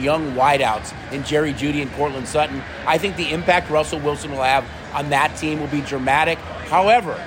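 A slightly hoarse male co-host delivers casual sports analysis at a fast clip. His voice sits a little high, with clear traffic-like noise behind it.

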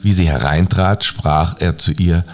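A man calmly reading a fairy tale aloud as a bedtime story, in a measured storytelling manner. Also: deep voice.

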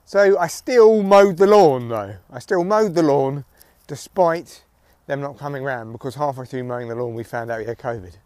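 A middle-aged British man, a comedian who hosts a podcast, records a rambling audio diary while strolling outdoors at evening, speaking into headphones by his neck. His darkish, medium-pitched voice flows at normal speed with few pauses and no echo, wry and laced with swearing.

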